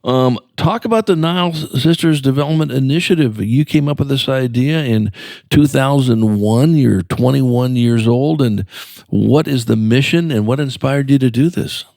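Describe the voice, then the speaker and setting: A male podcast host interviews his guest in a friendly, curious way. His mid-pitched voice has a gravelly edge. The studio sound is dry and close. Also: darkish tone, dry recording. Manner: friendly, curious, quick back-channel replies. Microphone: studio microphone.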